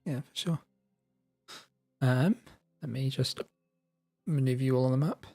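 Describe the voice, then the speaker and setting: A man's voice: medium pitch, a little slow, warm tone, no room sound. A man narrating and ruling as game master in a casual tabletop session, loose and swearing freely. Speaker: dungeon master.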